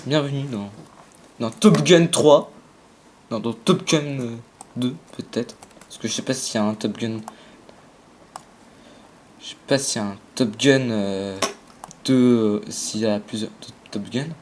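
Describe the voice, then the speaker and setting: A mid-pitched gamer of unclear sex talks through the game casually. The delivery is slangy and halting, with frequent self-corrections while explaining strategy aloud. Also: darkish tone, a little hiss or hum. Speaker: gaming video creator.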